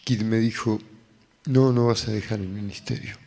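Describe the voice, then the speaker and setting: A male pastor with an Argentine Spanish accent tells a personal testimony during a sermon, acting out the voices in his story and raising his voice for the dialogue. His voice is on the low side, gravelly and dark, with fairly even intonation and a moderate pace. The church hall recording carries a long reverb.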